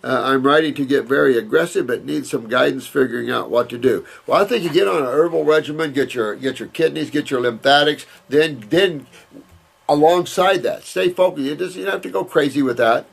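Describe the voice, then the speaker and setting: Gravelly and husky, yet fairly high-pitched and fairly quick, an older man who works as a naturopath reads out viewer letters and answers them with emphatic advice. His casual talk rambles, with repeated words and frequent restarts.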